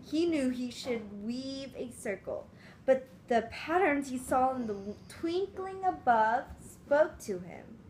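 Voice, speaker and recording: A woman's voice: high-pitched, expressive, slow pace, darkish tone. A woman reading a picture book aloud to young children, coaxing them along with simple questions. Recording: clearly noisy room.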